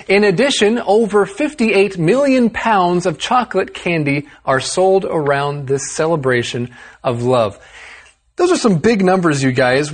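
Man hosting English lesson, slightly high voice, clear upbeat explaining. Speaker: host. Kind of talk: explaining vocabulary to learners.

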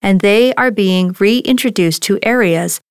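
A woman reading scripted nature documentary narration in a measured, articulate way. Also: medium pitch, clear, resonant tone, no echo, studio quality. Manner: measured, articulate read delivery.

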